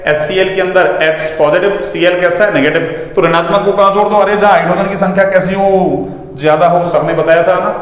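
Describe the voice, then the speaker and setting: A man's voice: high voice, fairly even intonation, brisk. A man teaching a chemistry lesson in a chatty classroom style, asking questions and answering them himself. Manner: conversational, full of rhetorical questions and "ना" tags. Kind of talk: classroom lecture. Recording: very echoey room with long reverb.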